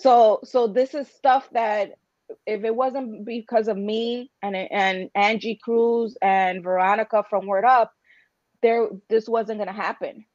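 This middle-aged woman, a Dominican-American who founded a writers' association, speaks at medium pitch with fairly even intonation and an unhurried, slightly mellow delivery. As a video-call interview guest indoors, she gives passionate, emphatic, conversational replies laced with rhetorical questions, captured dry, dull and lo-fi by a computer video-call mic.

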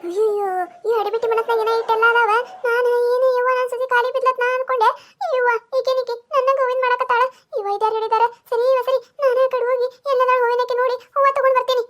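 A woman's voice: extremely high pitch, little pitch movement, fast talker, fairly bright tone. A woman with a North Karnataka accent voicing a grumbling, nagging village mother-in-law in a cartoon comedy. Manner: grumbling, nagging, talking to herself.

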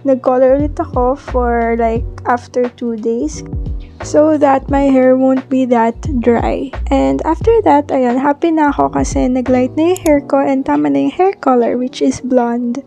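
A young Filipino woman with a Filipino accent narrating her vlog in a relaxed, casual voice-over with many fillers. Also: high voice, normal speed, gravelly, soft background music. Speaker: vlogger.

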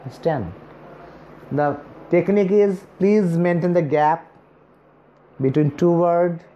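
Seated in a small room, a thirtysomething speech coach whose native language is Bengali speaks to camera with earnest encouragement, both hands moving as he talks. His voice sits on the high side, and he goes slowly, leaving long gaps between words in this self-help talk. Recorded on a lapel mic, the sound is slightly dull with a faint hiss.

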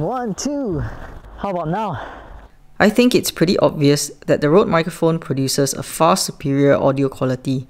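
A woman's voice: low-pitched, a little mellow. A woman vlogging casually as she tests microphones, talking in a playful, jokey, chatty way. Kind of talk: casual vlog, testing microphones.

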